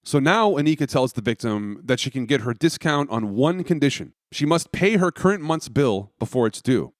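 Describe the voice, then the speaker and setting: A man's voice: mid-range voice, lively intonation, normal speed, dry recording, studio quality. A man hosting and narrating an investigative documentary in a scripted style.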